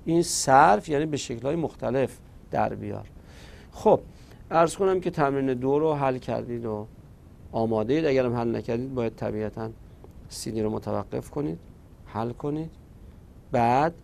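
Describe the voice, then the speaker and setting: Male grammar teacher, gravelly voice, patient and repetitive, recorded lesson. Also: medium pitch, a little mellow. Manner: patient, repetitive drilling of verb forms.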